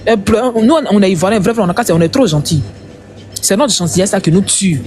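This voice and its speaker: Fast, high-voiced Ivorian man ranting. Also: a little mellow, faint music behind. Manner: passionate, repetitive, emphatic. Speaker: commentator. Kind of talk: heated online commentary.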